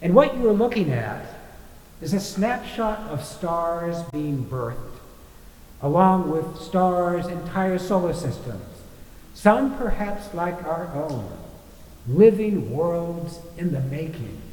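Male preacher, slightly high voice, measured rhetorical sermon, long hall reverb, deliberate pauses. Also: sing-song, darkish tone. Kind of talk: sermon with read-out quotations. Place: large reverberant indoor hall. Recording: echoey hall, faint noise and rumble.

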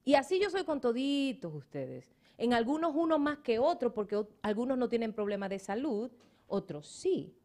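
Her pitch sits fairly high and her pace is moderate as this middle-aged woman pastor preaches. She tells animated stories with strong emphasis and drops in English words.

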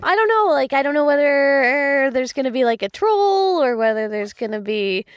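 Woman kinda high voice, chatty and giggly, vlogging in a car with friends. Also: expressive, normal speed, no room sound, studio quality. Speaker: vlog co-host. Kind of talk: casual chat.

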